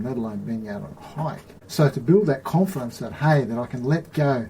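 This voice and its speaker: A man's voice: medium pitch, mellow, a little hiss or hum, rough recording. A man in a podcast conversation, explaining ideas earnestly and checking that his listener follows. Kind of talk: casual conversation.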